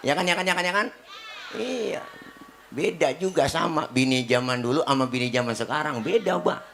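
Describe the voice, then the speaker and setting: A man's voice: on the high side, expressive, moderate pace, vocal fry, fairly bright tone. A man with a Betawi accent giving a comic sermon, teasing and joking with the crowd in slangy talk. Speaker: preacher. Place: gathering with a live audience. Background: audience laughter.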